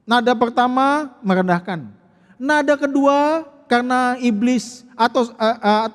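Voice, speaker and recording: High-voiced preacher in a reverberant church. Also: male voice. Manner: conversational, asks the congregation rhetorical questions. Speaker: pastor. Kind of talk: sermon. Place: church sanctuary.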